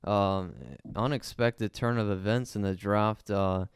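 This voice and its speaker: Man, low voice, flat and measured, very clear, casual sports chat. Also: no room sound, clean studio sound. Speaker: podcast co-host.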